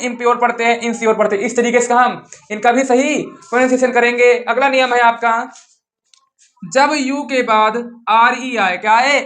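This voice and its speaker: A man's voice: very high voice, fairly bright tone. A male teacher with a Hindi accent giving an English pronunciation lesson, repeatedly asking his students questions and answering them himself.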